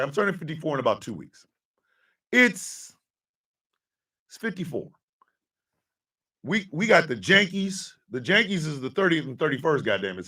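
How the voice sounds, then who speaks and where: A man in his fifties hosting a live stream, ranting with profanity and often breaking into shouts. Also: a little high, slightly rough, distant mic. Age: 50s. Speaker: host.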